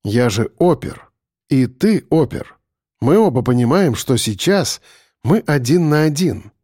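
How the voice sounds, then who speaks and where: A man voicing a resolute male detective who speaks slowly and coldly. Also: mid-range voice, expressive, a little mellow, no room sound, studio quality. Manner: slow, cold, measured.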